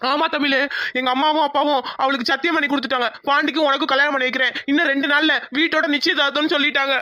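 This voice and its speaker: In cartoon voice acting, a performer plays a troubled young village man torn between love and family, sounding hesitant at first and then reassuring. The voice sits high and steady, racing, bright, and forceful, with no room sound.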